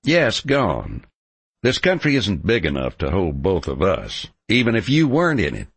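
Stubborn, romantic cowhand for western audiobook, male reader: gravelly, cocky, blunt, confident, lively pitch movement. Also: normal speed, no room sound, heavily acted. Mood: resolute. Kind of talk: audiobook character dialogue.

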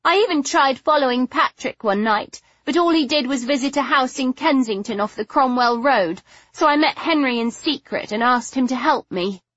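A woman's voice: on the high side, moderate pace, fairly bright tone, no echo, highs cut off, pitched above the performer's own voice. A woman reading an audiobook, voicing a sulky, stubborn young woman who sounds plaintive and scornful. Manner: petulant, spitting, insistent.

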